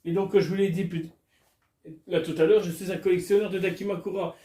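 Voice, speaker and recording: A man's voice: sits high, level tone, a little fast, roomy sound, noisy background. A man alone at home, chatting casually and crudely to his camera while unboxing. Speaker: vlogger. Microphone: camera filming him.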